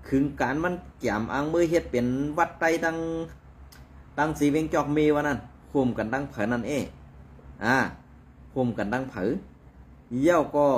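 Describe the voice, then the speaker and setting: A man giving conversational news commentary in an animated, rambling way, with frequent fillers. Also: medium pitch, slight background noise.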